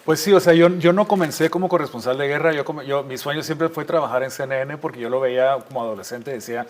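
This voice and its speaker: A man's voice: a little high, fast talker. Man from Guatemala telling war stories. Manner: reflective storytelling with frequent restarts. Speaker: guest, war correspondent. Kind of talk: interview conversation.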